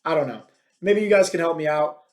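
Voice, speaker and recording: Fairly high-pitched and a touch quick, this thirties-aged man is a fitness coach running his own podcast. He delivers a blunt, energetic motivational monologue packed with fillers like "like" and "right?".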